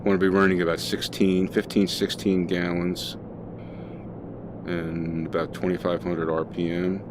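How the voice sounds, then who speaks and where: A man with a very low voice talks casually through a flight simulator session, thinking aloud and pausing on fillers. A steady noise hums under the recording. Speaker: flight sim streamer. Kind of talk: casual gameplay commentary.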